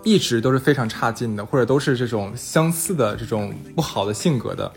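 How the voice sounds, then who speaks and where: A man's voice: medium pitch, brisk, soft background music. A man co-hosting a chat show, agreeing often and adding his own views. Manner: agreeable, backchannels a lot. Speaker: podcast co-host. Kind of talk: casual chat.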